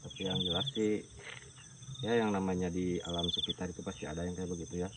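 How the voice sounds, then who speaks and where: A man with a Sundanese accent hosts a night exploration outdoors. His voice sits very low and his delivery is halting and conversational. Loud insects and crickets fill the recording around him. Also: flat delivery, distant mic, very noisy. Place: outdoors at a shrine cemetery at night.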